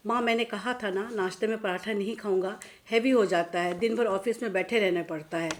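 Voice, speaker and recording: A woman's voice: mid-range voice, fairly quick, natural voice. An impatient young son, as a woman reads his lines, teasing and complaining to his mother. The voice is left close to the reader's own in this storybook telling.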